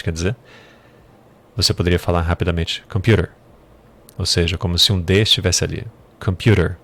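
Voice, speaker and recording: A man's voice: low voice, fairly bright tone. A man teaching English vocabulary in a casual lesson, thinking aloud and correcting himself as he goes. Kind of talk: casual screen-share lesson.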